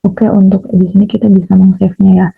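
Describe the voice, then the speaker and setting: A young woman explains a computer tutorial step by step, pausing often on fillers. Her voice is gravelly and very raspy, in a flat delivery. The audio is dry and thin, as if over a phone line. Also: mid-range voice, dry recording, soft background music. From Indonesia. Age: young adult. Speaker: chemistry education student. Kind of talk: software tutorial screencast.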